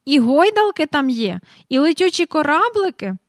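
A woman voicing an excitable, impatient young boy in a storybook reading. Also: fairly high pitch, normal speed, dry recording, clean studio sound, lightly acted. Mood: excited. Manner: eager, pleading, impatient.

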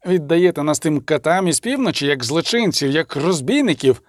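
A man's voice: fairly high pitch, lively intonation, moderate pace, close to an everyday voice. A man voicing a furious male elf officer who talks in bitter outbursts, in an audiobook.

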